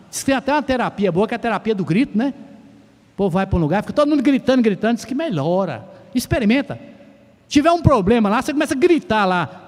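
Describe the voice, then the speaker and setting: High-voiced Brazilian pastor preaching in a reverberant hall. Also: male voice. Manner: asks rhetorical questions, then swells to loud shouted exclamations. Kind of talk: sermon. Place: church sanctuary. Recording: long church hall reverb.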